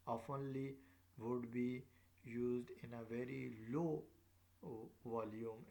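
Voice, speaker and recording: Guy lecturing on english intonation, kinda gravelly, lots of uh and restarts. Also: medium pitch, a little mellow. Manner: halting, many fillers, repeats himself. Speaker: English teacher.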